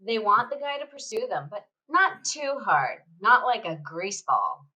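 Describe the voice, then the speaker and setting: A woman's voice: medium pitch, big pitch swings, a little slow, pushed and bright, low-quality recording. A woman playing a bitter, crass middle-aged mother who scolds and sneers at her kids in a student radio play. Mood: sarcastic. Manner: nagging, scolding, sarcastic.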